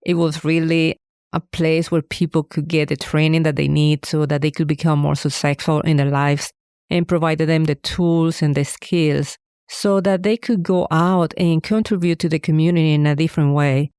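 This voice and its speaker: A woman's voice: low voice, fairly even intonation, moderate pace, a little mellow, smooth, no echo, studio quality. A middle-aged woman from Venezuela, telling her story as an interview guest in an earnest, reflective way. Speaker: guest, bakery owner. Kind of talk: casual interview answers.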